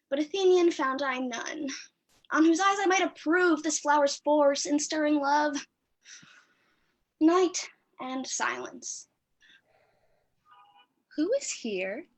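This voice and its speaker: A mischievous fairy sprite, played by a woman, unhurried and sing-song in rhyme. The voice is high and slow-paced. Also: lively intonation, heavily acted, poor audio. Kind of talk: Shakespeare reading.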